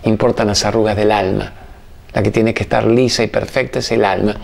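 A middle-aged man with an Argentine accent, hosting a motivational talk for a studio audience and telling stories that alternate fast bursts with slow, emphatic phrases. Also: on the low side, steady tone, gravelly. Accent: Argentine Spanish. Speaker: TV host.

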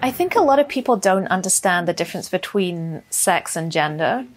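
A woman in her thirties explains things in a documentary interview. Her voice sits a little lower than average. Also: expressive, moderate pace, noisy background. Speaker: executive director of a story hour organisation.

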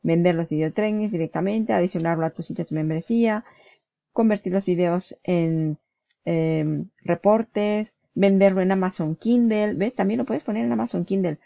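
Gravelly chatty woman, dark voice. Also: on the low side, no room sound, muffled recording. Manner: chatty, self-correcting, asks ¿vale? often. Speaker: online business vlogger. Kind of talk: casual screen-share walkthrough.

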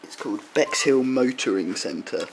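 A young adult man makes a prank phone call, asking his questions politely and hesitantly with put-on earnestness. His mid-range voice has lively intonation and a moderate pace. It was captured in a dim room at home by a nearby handheld camera, giving amateur camcorder audio with clear noise.

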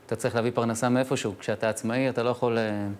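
A man, a speech therapist guest, casually recounting his experience with frequent filler pauses. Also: mid-range voice, flat delivery, a little hiss or hum. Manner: storytelling with frequent hesitations. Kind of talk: casual studio chat.

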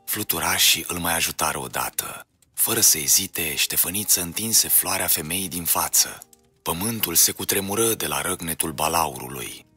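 Deep, bright husky male storyteller. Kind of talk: scripted storybook narration.

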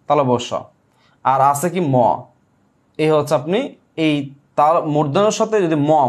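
A young man with a slightly high voice runs a live online class. He explains step by step, repeating each word and asking the class questions. He also reads out viewer comments. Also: a little mellow. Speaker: online Bengali tutor.

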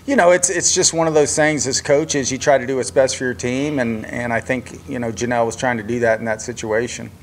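An older man, a head coach, answering questions at a postgame press conference in a measured, plain-spoken way, often saying "you know". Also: medium pitch, steady tone, slight background noise. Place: press conference room, indoors. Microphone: table microphone.

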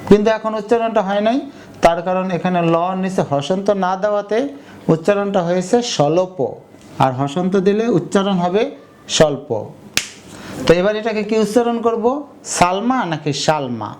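A young man teaching an online grammar lesson, explaining step by step and saying example words again slowly. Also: high voice, darkish tone, a little hiss or hum. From Bangladesh.

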